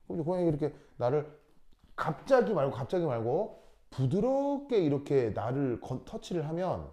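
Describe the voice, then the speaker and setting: A man's voice: on the high side, dark tone. A man teaching a chemistry class, lecturing and drilling pronunciation, often asking whether students follow. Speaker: high school chemistry teacher.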